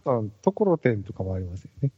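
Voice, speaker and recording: A man from Fukuoka co-hosting a podcast in casual chat among musicians, calm and politely teasing. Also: lowish voice, quick pace, breathy edge, no room sound, lo-fi sound. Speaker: podcast co-host.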